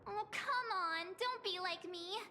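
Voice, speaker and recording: A perky young woman for a game, excitable and chirpy. Her voice is very high, bright and sharp. She speaks at an unhurried pace. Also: a little hiss or hum, exaggerated voice.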